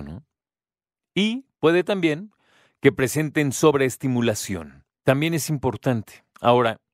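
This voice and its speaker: A man's voice: mid-range voice, no room sound. Mexican man, close dry mic. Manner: acts out children's voices in anecdotes. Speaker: podcast host. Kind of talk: casual talk to the listener.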